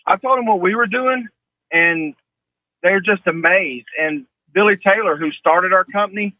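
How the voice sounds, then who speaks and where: Phone-in guest: man, high voice for a man, easygoing rambler, thin phone-line sound, dry. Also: normal speed, no room sound. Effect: heard over a telephone line. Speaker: phone-in guest, mortgage lender. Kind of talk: casual radio chat.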